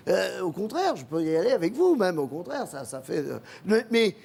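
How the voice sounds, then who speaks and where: A male comedian chatting as a talk-show guest, lively and digressive, full of quick self-mocking asides. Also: high voice, vocal fry, husky. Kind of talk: animated talk-show chat.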